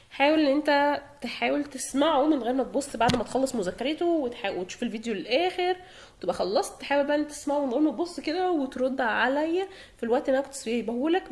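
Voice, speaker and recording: A woman with an Egyptian Arabic accent teaching German online, explaining word by word, translating and repeating. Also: high-pitched. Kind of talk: online language lesson.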